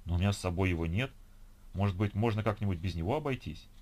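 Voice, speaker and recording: A man voicing a blunt, determined young woman in a low plain voice. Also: expressive, quick pace, a little mellow.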